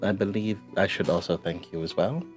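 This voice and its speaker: A man's voice: sits low, steady tone, fairly quick, faint music behind. A man playing a tabletop role-playing game, chatting casually and replying in character. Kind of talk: casual chat and in-character replies.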